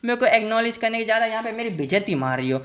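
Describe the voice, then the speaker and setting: A shy, awkward schoolboy from a comic-story recap, voiced by a man. He sounds flustered and protests quickly, in a high, fast-moving voice. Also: animated, a bit bright.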